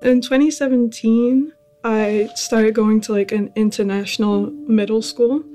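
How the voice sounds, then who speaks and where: A woman's voice: a little high, fairly even intonation, a little slow, dark tone, soft background music. A young woman from the UK, a student, talking casually in an interview and often saying "like". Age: young adult. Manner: casual, with fillers like "like".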